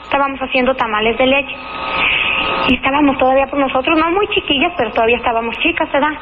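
A woman's voice: high voice, quick pace. A woman calling in to a radio show, telling a personal ghost story in a rambling, emotional way. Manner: rambling, emotional storytelling with regional rural speech. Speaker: caller. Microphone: telephone. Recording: phone call over lo-fi radio with noise.

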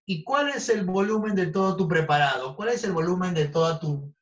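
In an online chemistry review class, a man teaches at a moderate pace in an animated voice, cracking jokes and teasing his students. The audio quality is dull and low-fi.

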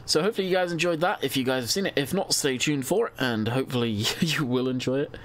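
Speaking quickly at medium pitch, a young man congested by a cold chats through his let's-play as a gaming channel host, thinking aloud as he goes. Slight background noise is present.

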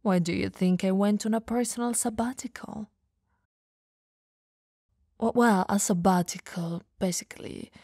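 Breathy and gravelly, often falling to a whisper, a woman performs an ASMR roleplay as a vampire who teases, dominates and cares, coaxing with playful condescension. Her mellow, medium-pitched voice moves a little slowly with frequent pauses, and her mood is wry and defensive. The sound is clean, echo-free studio audio.

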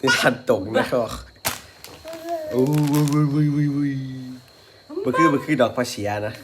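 A man's voice: medium pitch, moderate pace, noisy background. A young adult father, casually reading a picture book to his kids on a live stream and joking about his own mistakes. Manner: animated, jokey, laughs at his own misreadings.

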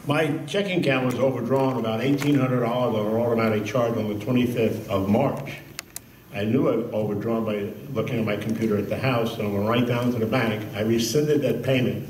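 A man's voice: mid-range voice, normal speed, a little mellow, slight background noise. An older man at a public hearing, reading out dates and amounts at a podium mic. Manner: reads a list of dates and sums. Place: large hall. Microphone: podium mic on a stand. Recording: echoey hall from far off.

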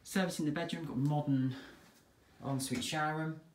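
On the high side and at a moderate pace, an English man gives a relaxed, chatty walk-through of a detached house for sale and its back garden, filmed on a handheld phone. He's an estate agent using plain sales patter, and there's slight background noise.

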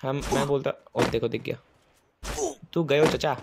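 Excitable male gamer with game gunfire behind. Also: mid-range voice, moderate pace, gravelly, noisy background. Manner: excitable, teasing enemies, rambling chatter. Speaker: gaming streamer. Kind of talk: live gameplay commentary.

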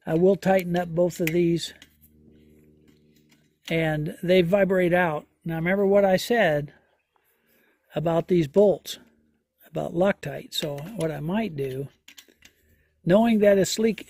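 A man doing a hands-on repair walkthrough outdoors, talking slowly and folksily with many fillers as he thinks aloud. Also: on the high side, darkish tone. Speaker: homesteader vlogger. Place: outdoors in a yard.

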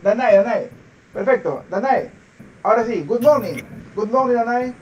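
Male teacher on a video call, high voice, unhurried, patient drilling; slightly distant mic with faint noise. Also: over a noisy crowd. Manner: patient, repeats words over and over for drilling. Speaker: English teacher. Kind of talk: online class.

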